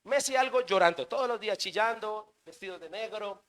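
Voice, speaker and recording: A man preaching a sermon in church, firing rhetorical questions and swinging between loud bursts and quiet stretches. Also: high-pitched, fairly quick, smooth. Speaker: pastor.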